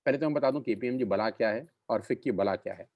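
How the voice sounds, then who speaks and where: A man's voice: mid-range voice, fast, no echo, lo-fi sound. A middle-aged man giving a motivational network marketing talk, emphatic and repetitive, mixing English words into his Hindi. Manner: emphatic, repeats phrases for effect.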